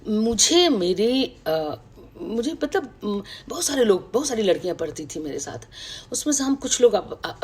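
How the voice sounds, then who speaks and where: A middle-aged woman, a writer, recalling her past in a reflective, personal talk on a video call, with many pauses and fillers. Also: mid-range voice, breathy edge. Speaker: writer speaking to an online audience. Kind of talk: personal reminiscence, casual talk.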